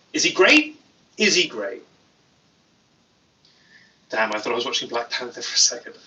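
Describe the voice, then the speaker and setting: A man hosts a relaxed YouTube livestream, reading comments with deadpan, playful humor and jokey asides. His middle-pitched voice is very bright and sharp. He sounds far from the mic, and the audio is poor.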